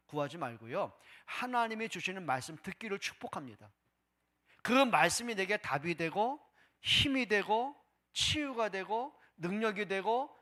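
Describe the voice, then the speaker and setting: Man preaching a sermon, high voice, bright tone, rhetorical questions, loud and hushed by turns. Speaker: pastor. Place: church service.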